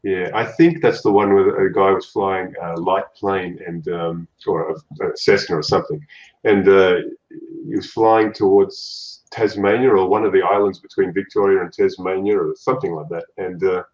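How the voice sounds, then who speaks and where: A man's voice: sits low, steady tone, moderate pace, a little mellow, echoey room, lo-fi sound. A man with a broad Australian accent chatting casually as a guest, laid-back and colloquial. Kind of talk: casual chat.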